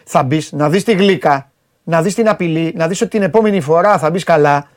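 A man's voice: fairly high pitch, no echo, clean studio sound. A man hosting a casual live-stream chat, bantering and teasing his co-host.

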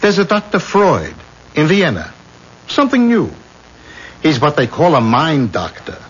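An actor playing a rational, patient old-time town doctor who reasons and explains. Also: male voice, on the high side, wildly swooping pitch, a little slow, slightly rough, full character voice. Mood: intrigued. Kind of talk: period drama acting. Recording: dull, hissy old recording.

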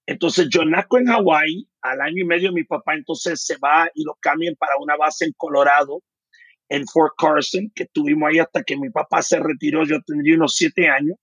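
A man's voice: on the high side, steady tone, a little fast, a bit bright, breathy edge, dry recording. A Puerto Rican man in his fifties, a guest telling his life story in detail, speaking with a Puerto Rican Spanish accent. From Puerto Rico. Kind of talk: storytelling interview.

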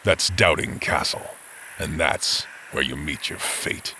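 A man's voice: extremely low pitch, slow, bright, forceful tone, a little hiss or hum, pitched below the performer's own voice, heavily acted. A man voicing a menacing male giant with a grim, surly, growling manner. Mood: threatening. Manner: growling, threatening.

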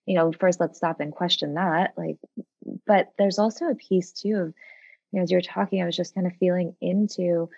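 A woman's voice: lowish voice, fairly even intonation, normal speed, creaky, darkish tone, husky, no echo, dull audio. A woman of forty, a coach and former psychologist, speaking as a podcast guest in a reflective, earnest way with many fillers. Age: 40s. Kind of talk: casual podcast conversation.

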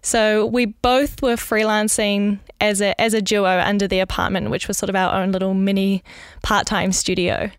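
A woman's voice: mid-range voice, flat delivery, moderate pace, smooth, no echo, clean studio sound. Chatty young woman with a Kiwi accent. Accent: New Zealand. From New Zealand. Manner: chatty, candid, frequent "like" fillers, light laughs. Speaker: designer and freelancer, guest. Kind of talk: casual interview answers.

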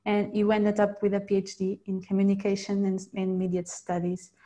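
A woman's voice: mid-range voice, completely flat delivery, normal speed, dark tone. Woman hosting an interview podcast. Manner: friendly, scripted intro, then stumbling questions. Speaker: podcast host.

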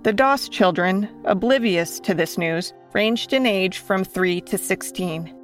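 A woman with a medium-pitched voice narrates a scripted true story as a host. Her storytelling is measured, with faint music playing underneath.

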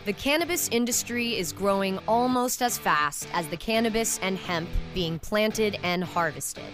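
A woman's voice: mid-range voice, unhurried. A woman reading a scripted podcast intro in a polished announcer style. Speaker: show intro narrator. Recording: voice over clear music bed.

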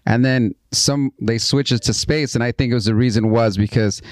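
A man explaining something casually in a halting way, searching for his words. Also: mid-range voice, no room sound.

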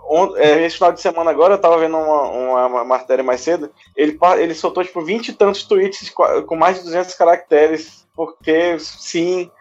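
A man's voice: on the high side, fairly quick, few pauses, muffled recording, soft background music. A man co-hosting a casual political podcast, rambling and mocking, swearing casually. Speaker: podcast co-host.

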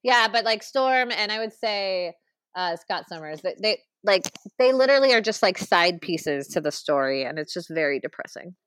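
A woman co-hosts a podcast in casual chat, animated and ranting, with quick asides and laughs. Her voice is smooth and medium-pitched.

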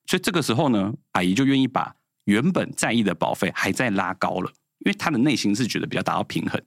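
A man's voice: on the low side, fast, dry recording, studio quality. A man in his thirties with a Taiwanese Mandarin accent, a guest telling sales stories in casual chat and acting out what others said. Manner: animated, acts out quoted dialogue.

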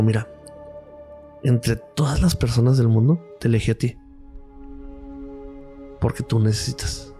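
A man with a Mexican Spanish accent tells a story as a guest on a podcast, and he voices each person in it as he goes. His voice is mellow and warm at a middle pitch. Faint music plays behind him. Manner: lively storyteller, acts out quoted dialogue. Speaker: radiologist guest.

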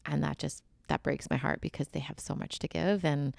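A woman guest in a casual interview, telling her stories in an animated way and laughing often. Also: deep voice, moderate pace, creaky, no echo. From Canada. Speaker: guest, Olympic curler.

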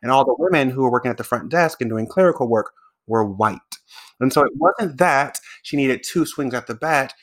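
A man hosts an interview podcast and talks in an earnest, explanatory way. His voice sits at an ordinary, middle pitch. He asks his guest questions and sets out his ideas at some length. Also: animated, normal speed, a bit bright. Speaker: podcast host. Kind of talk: conversational interview.

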